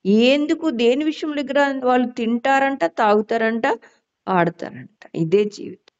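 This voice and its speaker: A woman giving a Bible teaching sermon. She reads scripture slowly and then asks her listeners questions about it. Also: on the high side, smooth, highs cut off. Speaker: preacher.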